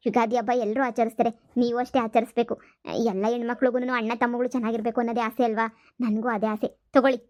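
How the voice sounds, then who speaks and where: A woman voicing a kind-hearted young woman who talks in a hushed, scolding, urgent way in a cartoon comedy. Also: fairly high pitch, level tone, fast talker, no echo, lightly acted. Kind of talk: cartoon voice acting.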